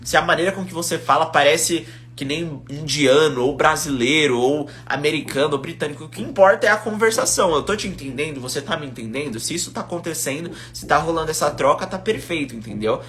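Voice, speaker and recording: A young Brazilian man, an English teacher, chatting casually on a live stream, reading out viewer comments in a relaxed, slangy way. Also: on the high side, a little fast, hardly any pauses. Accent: Brazilian Portuguese. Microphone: phone.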